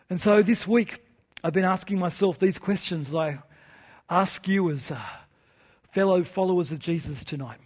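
A man, a pastor, preaching an evening sermon in an earnest way, often letting his phrases fall soft and quiet at the end. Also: fairly high pitch, breathy edge.

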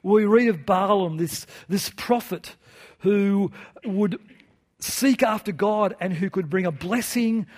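A man with a fairly high voice preaches an evening sermon in church. He speaks earnestly and lets his phrases fall away soft and quiet at their ends. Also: slow pace. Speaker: pastor.

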